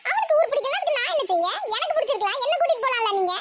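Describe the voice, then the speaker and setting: A woman's voice: extremely high pitch, sing-song, racing, a little hiss or hum, pitched above the performer's own voice. A woman voicing a whiny, demanding young daughter in a cartoon. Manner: whiny, pleading. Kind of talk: cartoon voice acting.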